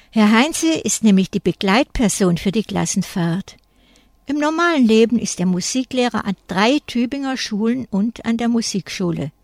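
Female audiobook narrator, slow, clear read, dry sound. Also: mid-range voice, a little mellow, no room sound.

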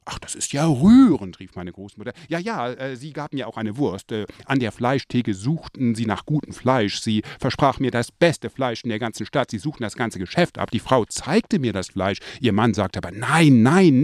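A man's voice: medium pitch, normal speed, hardly any pauses, no room sound. Man reading a story aloud, dry sound. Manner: expressive reading, lifts voice for quoted speech.

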